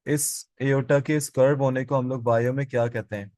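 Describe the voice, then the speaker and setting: A man's voice: medium pitch, fairly even intonation, moderate pace, a little mellow, dry recording. A man teaching biology in a classroom, asking his students questions and answering them himself, and repeating the key terms. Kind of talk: classroom lecture.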